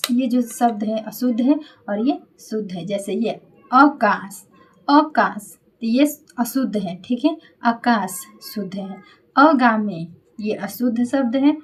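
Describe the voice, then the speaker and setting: Patient woman teacher, slightly high voice. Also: moderate pace, warm tone, slightly rough. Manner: repeats key points, checks in with "ठीक है" often; sounds out words syllable by syllable. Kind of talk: classroom-style grammar lesson.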